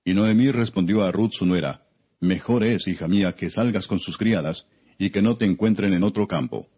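Deep-voiced man reading scripture, slightly husky. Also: moderate pace. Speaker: audiobook narrator, scripture reader. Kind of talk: scripted Bible narration. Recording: dull, muffled lo-fi recording.

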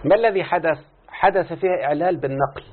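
A man's voice: a little high, fast, a little hiss or hum. A man with an Egyptian accent teaching a grammar lesson, questioning his students as he explains. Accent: Egyptian Arabic. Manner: questioning students, drawing out answers. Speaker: teacher of Arabic morphology. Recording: tinny phone-like recording.

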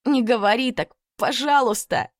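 Brief: desperate young heroine in an audiobook, read by a woman, tearful, raised pitch. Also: a little slow, no echo, studio quality, natural voice. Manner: pleading, tearful.

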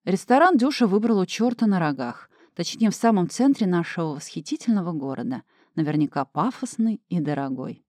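A woman's voice: fairly low pitch, animated, brisk, darkish tone, dry recording, studio quality. Emotional woman reading a first-person novel. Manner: emotional, emphatic delivery. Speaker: audiobook narrator.

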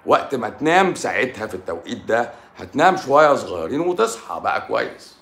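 A man's voice: mid-range voice, big pitch swings, quick pace, vocal fry, fairly bright tone, reverberant. A man with an Egyptian Arabic accent talking casually on a livestream as a doctor answering viewers, blunt and teasing, sometimes dropping to a mutter. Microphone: livestream microphone.

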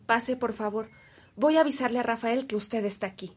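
Polite, devout housekeeper played by a woman, high voice. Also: brisk, a little hiss or hum, lightly acted. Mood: polite, welcoming. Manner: deferential, formal. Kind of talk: radio drama acting.

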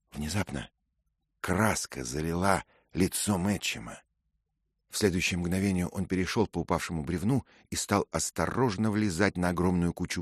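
A man reading an adventure novel aloud in steady, measured scripted narration. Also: deep voice, slightly rough, dry recording, studio quality. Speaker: audiobook reader.

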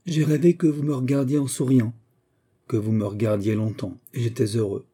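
A man reads out a young warrior king in a spoken story, loud and imperious. The voice is dark and a little husky, lifted above the reader's own pitch. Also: fairly even intonation, moderate pace, natural voice. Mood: wooing. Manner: imperious, booming.

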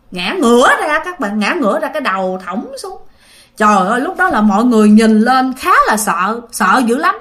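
Speaking with a Southern Vietnamese accent, a woman casually tells a ghost story, addressing her listeners directly. Her voice is a little high with a fairly bright tone.

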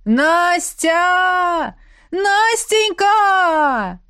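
A woman voicing a clingy, showy young man, the heroine's ex-boyfriend, who calls out loudly and drags his words. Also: medium pitch, big pitch swings, no echo, clean studio sound, lightly acted. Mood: calling out. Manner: loud, drawn-out calling.

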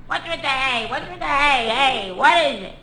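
Shrill, whiny man comic. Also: expressive, moderate pace, a loud crowd, poor audio. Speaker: comedian, co-host. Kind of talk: 1950s radio comedy.

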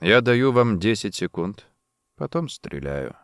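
A man voicing a calm, clever male secret agent who speaks quietly and deliberately. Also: lowish voice, clean tone, no room sound, clean studio sound. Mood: calm menace.

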